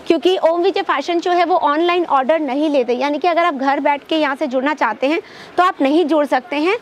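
High-voiced young woman pitching sarees. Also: a little hiss or hum. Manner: upbeat sales pitch, addresses viewers as friends. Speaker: presenter of a wholesale saree showroom video. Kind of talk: promotional vlog presentation. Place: indoor textile shop with stacked saree shelves.

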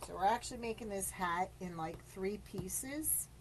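A woman's voice: medium pitch, moderate pace, a little hiss or hum, low-quality recording. A woman hosting a live craft tutorial, explaining each step in a chatty way, greeting viewers and coughing now and then. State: coughing after choking. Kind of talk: live-streamed craft demonstration.

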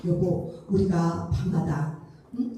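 A woman's voice: mid-range voice, animated, normal speed, very noisy, pitched below the performer's own voice, lightly acted. A woman voicing a bashful, persistent young newlywed husband in a joke told to a live audience. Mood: coaxing. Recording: echoey hall from far off, audience.

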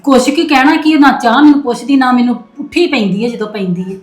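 A woman's voice: sits high, expressive, fast, reverberant. A woman playing a complaining middle-aged mother who grumbles to her son about her daughter-in-law. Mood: grumbling. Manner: grumbling and self-pitying.

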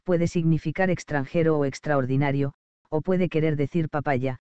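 A man narrating an audiobook in a measured, expressive storytelling manner. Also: fairly high pitch, clean tone, dry recording, lo-fi sound.

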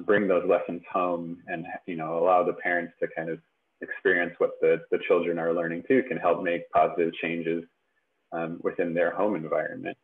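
A man presenting in a casual webinar from home with a headset, relaxed and chatty with many fillers. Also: low voice. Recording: tinny phone-like webinar audio.

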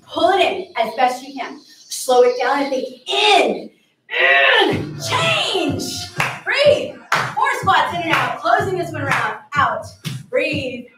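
High-pitched woman coaching a workout. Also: expressive, measured pace. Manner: upbeat, encouraging, punchy short commands. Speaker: group fitness instructor. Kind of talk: energetic workout coaching, calling counts and cues. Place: indoor fitness studio with wooden floor. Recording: distant echoey studio with music playing. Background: workout music.

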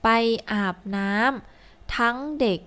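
A woman slowly reading a children's story and then drilling letters and vowels aloud, word by word, as a teacher. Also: fairly bright tone. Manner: slow, deliberate, word-by-word reading. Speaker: teacher reading a first-grade Thai textbook.

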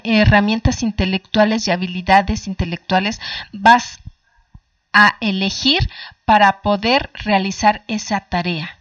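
A woman's voice: a little high, no echo, muffled recording. A middle-aged woman psychologist with a Mexican Spanish accent, giving colloquial advice and asking her listeners rhetorical questions. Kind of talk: talk-show advice talk.

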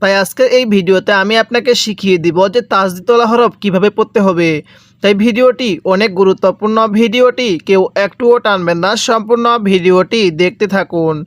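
A man from Bangladesh teaching a Noorani Qaida lesson, spelling out syllables slowly and having listeners repeat after him. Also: sits high, dry recording, studio quality. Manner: slow spelled-out recitation of letter drills, repeating each syllable. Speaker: Quran reading teacher.

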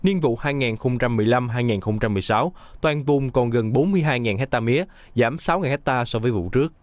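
A man reads the news voice-over fast and evenly. The sound is dry and close, with no room around it. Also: mid-range voice, no room sound. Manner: brisk, even newsreading. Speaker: news narrator.

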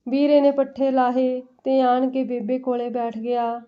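A woman narrating a family story in a steady, plain telling. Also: high voice, a little slow, smooth. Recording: dull lo-fi recording.

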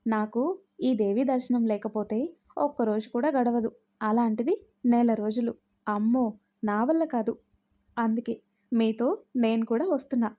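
Storybook young man, cheerful and affectionate, read by a woman, warm-soft tone. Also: on the high side, moderate pace, pauses often, lightly acted. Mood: playful. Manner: playful, lively.

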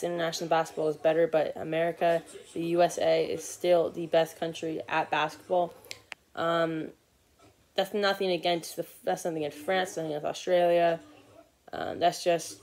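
A teenage sports vlogger on his living room couch gives casual live commentary on a basketball game, rambling with lots of fillers and restarts. His voice is a little high with vocal fry, picked up from below by a phone or laptop camera.

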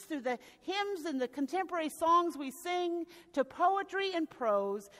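A woman's voice: very high voice, a bit bright. A woman pastor preaching a sermon, telling a gospel story with a few restarts along the way. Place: church sanctuary. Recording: reverberant church sanctuary.

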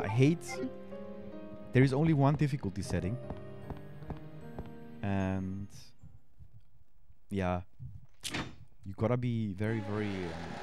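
A streamer from Austria plays a horror game while chatting, thinking aloud, reading game text, and responding to chat in casual let's-play style. His first language is Spanish, but his English has a German accent. His voice is male, medium-pitched and a bit mellow, captured on a headset mic at his desk.

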